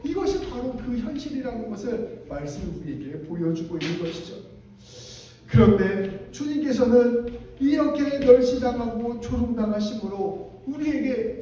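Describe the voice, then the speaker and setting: A man's voice: extremely high pitch, warm tone, a little hiss or hum. A male pastor preaching a sermon, dramatically acting out the mocking voices of onlookers. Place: church sanctuary. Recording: echoey church hall, far from the mic.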